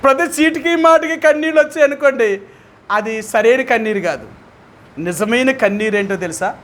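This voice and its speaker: A man with a Telugu accent leads a Bible study as pastor, with a high voice. He speaks emphatically and keeps asking his listeners questions. Faint vehicle noise sits low behind him. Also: moderate pace, a bit bright.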